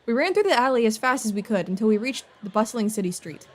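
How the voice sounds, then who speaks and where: High-voiced, expressive woman gamer. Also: fast. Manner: expressive, reactive, giggly. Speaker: let's play host. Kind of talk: reading a game aloud with casual reactions. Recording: voice over game music. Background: game music.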